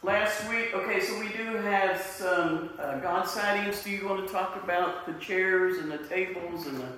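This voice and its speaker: Woman pastor, Appalachian accent, leading worship. Forceful, bright tone; very reverberant church sound. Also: mid-range voice, unhurried. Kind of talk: church service talk and prayer. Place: inside a church, congregation present. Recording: roomy, distant church mic, faint noise.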